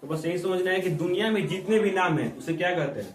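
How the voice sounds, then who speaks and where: A man's voice: high voice, expressive, fast talker, recorded from a distance. A man teaching grammar to students, explaining with everyday examples and checking often that they follow. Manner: explains with examples, keeps asking "ठीक?". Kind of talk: classroom Hindi grammar lesson. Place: room with students. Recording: echoey room, voice from off-mic.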